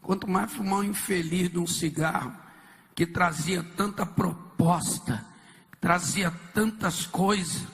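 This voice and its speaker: A man, a pastor, telling his life story in an intense, emphatic sermon-style testimony with dramatic pauses. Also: high-pitched, fairly even intonation, a bit bright, in a large hall, rough recording.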